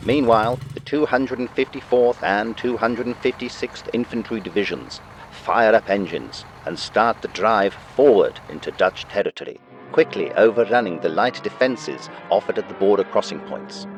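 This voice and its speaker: A man with a fairly low voice narrates in the style of a wartime newsreel. His delivery is scripted, dramatic and declarative, set over clear background music. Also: normal speed. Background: music under the narration.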